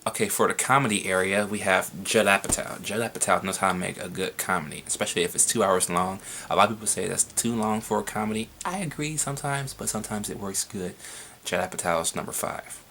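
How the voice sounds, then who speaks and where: A young man rambles through viewer questions in a casual home vlog. His voice sits low with a gravelly edge but a bright, forward tone, and he swears freely. A faint hiss hangs behind the camera mic. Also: fairly even intonation, fast, hardly any pauses. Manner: rambling, frequent swearing, laughs. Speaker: vlogger answering viewer questions.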